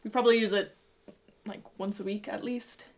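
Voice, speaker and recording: A woman's voice: mid-range voice, steady tone, brisk. A woman co-hosting a podcast, explaining things in a casual, chatty way. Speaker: podcast co-host and designer.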